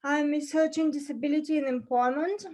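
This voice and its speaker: A young woman from Bulgaria speaks in a bright, high voice as she talks through presentation slides on a video call. Her pace is careful and slightly halting, with small fillers between her points. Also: steady tone, rough recording. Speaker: conference speaker.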